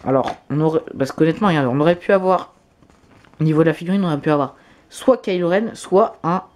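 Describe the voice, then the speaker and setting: This YouTuber talks fast in a fairly high, slightly mellow voice while filming an unboxing vlog at home. Each item gets gushing, enthusiastic praise and frequent exclamations.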